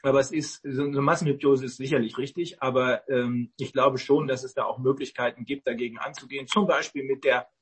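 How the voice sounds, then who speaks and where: A man in casual online talk, rambling and halting with many fillers. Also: mid-range voice, steady tone, slightly rough.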